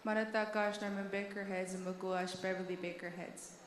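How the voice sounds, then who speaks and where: Even-toned woman from North Dakota, echoey. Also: mid-range voice, a little fast. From North Dakota, United States. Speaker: visiting powwow royalty title holder. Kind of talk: formal self-introduction to a gathering. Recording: echoey sound system, faint background noise.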